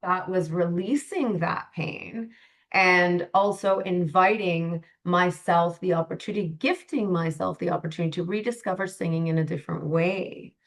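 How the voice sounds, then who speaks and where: A woman's voice: lowish voice, steady tone, normal speed. A woman from Canada, a life coach, speaking as a guest on an interview podcast in an earnest, reflective way with frequent fillers. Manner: reflective, earnest, many "you know" fillers.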